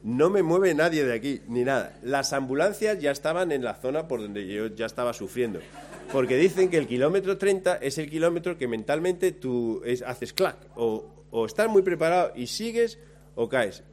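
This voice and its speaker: A man spins a story about himself with a lively, self-mocking energy. His voice sits at a middling pitch, and he slips into acting out his own lines as he goes. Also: normal speed. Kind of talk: anecdote told to listeners.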